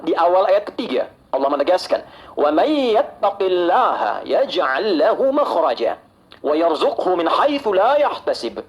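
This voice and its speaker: A male preacher delivers a Friday sermon in a measured, emphatic way. His voice sits a little high and climbs further on rhetorical questions. The sound is lo-fi, like a radio recording.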